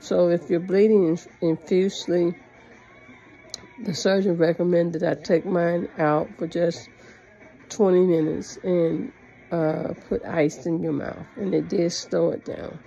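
A woman's voice: on the low side, fairly even intonation, unhurried, vocal fry, warm tone, rough recording. A woman talking with new dentures in, chatting plainly in a casual video diary. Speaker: vlogger sharing a personal journey.

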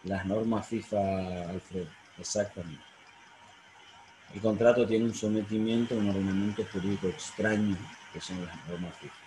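A man's voice: fairly low pitch, steady tone, moderate pace, dark tone. A middle-aged man with an Argentine accent, a law professor giving an online class, explaining at length with fillers and self-corrections. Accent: Argentine Spanish. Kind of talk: online university lecture. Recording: roomy sound, faint noise.

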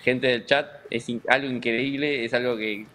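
Easygoing Argentine racing driver chatting. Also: male voice, medium pitch, normal speed. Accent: Argentine Spanish. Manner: relaxed, joking, rambling with many fillers. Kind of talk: casual interview chat.

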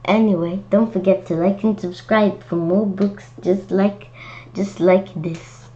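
In an unhurried, fairly even delivery, a woman with a medium-pitched, dark voice reads a children's story and sprinkles in simple, childlike chatter. The recording is a noisy, dull lo-fi one made at home.

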